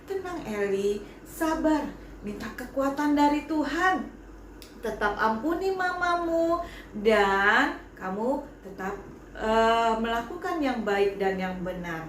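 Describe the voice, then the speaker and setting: A woman voicing a gentle, loving Sunday school teacher who soothes a child in a storybook tale. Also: high voice, fairly even intonation, moderate pace, roomy sound, distant mic, slight background noise. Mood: comforting. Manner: soothing, comforting.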